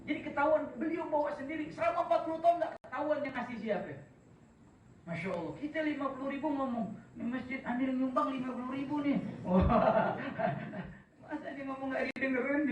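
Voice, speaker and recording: A man's voice: very high voice, animated, fairly quick. A man giving an informal religious lecture to a gathering, chatty and joking, often laughing. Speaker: preacher. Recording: echoey, from far off, faint noise.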